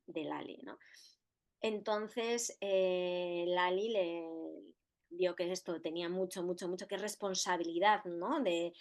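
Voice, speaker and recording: A woman from co-hosting a podcast, talking reflectively in a rambling way with many fillers and tag questions. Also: on the low side. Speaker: podcast co-host. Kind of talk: reflective casual conversation.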